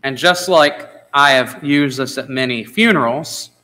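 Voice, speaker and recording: Bright-voiced man preaching a sermon. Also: mid-range voice, measured pace, low-quality recording. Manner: conversational, asks the congregation questions. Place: church sanctuary.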